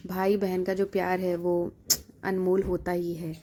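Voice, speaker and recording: A woman's voice: lowish voice, monotone, a little slow, dark tone, a little hiss or hum. Chatty young woman vlogging. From India. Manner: chatty, laughs often, teasing. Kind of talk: casual vlog narration.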